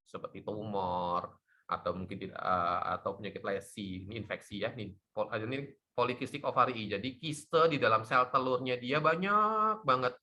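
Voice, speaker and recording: A middle-aged man, a doctor, explaining health topics in a lively talk show chat. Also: mid-range voice, moderate pace. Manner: lively, animated explaining with laughs.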